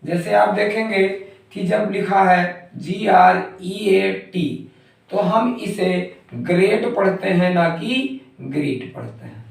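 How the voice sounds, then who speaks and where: A man's voice: high-pitched, takes it slowly, gravelly. A man teaching English pronunciation in a methodical way, spelling out letters one by one before saying each word. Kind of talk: explanatory lesson. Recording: very echoey room, far from the mic.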